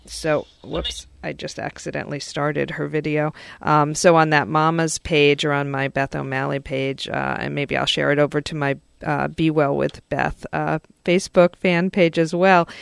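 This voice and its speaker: A woman's voice: low voice, vocal fry, clean tone, dry recording, clean studio sound. A woman with a New York accent hosting a talk radio show, chatty, laughing often and interrupting herself. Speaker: radio host.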